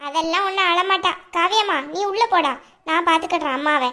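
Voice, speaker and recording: A woman voicing a caring, chatty middle-aged aunt in a cartoon, with a southern Tamil Nadu accent and a brisk, scolding manner. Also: extremely high pitch, bright, forceful tone. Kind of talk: cartoon voice acting.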